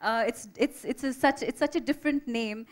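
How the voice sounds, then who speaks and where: Woman, high voice, effusive stage host at a launch event. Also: a little fast. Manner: bubbly and effusive.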